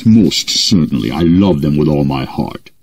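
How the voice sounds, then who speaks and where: A menacing masked space villain voiced by a man in a comedy sketch speaks in a very deep, breathy voice. He delivers his threats slowly and flatly, and the sound is close and dry. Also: no room sound, full character voice. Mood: imperious. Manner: slow, flat, imperious threats.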